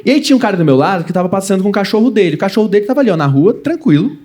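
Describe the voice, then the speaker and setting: A young Brazilian comedian from Goiás, with a high-pitched, expressive, somewhat dark voice, does stand-up before a live audience. He races through stories, acting out quotes as the crowd laughs.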